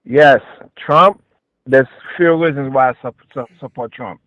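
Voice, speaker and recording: A man with a Queens New York accent calling in to argue politics casually, halting and repeating himself with slangy filler phrases. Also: medium pitch, no room sound. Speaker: caller. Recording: tinny phone-like call audio.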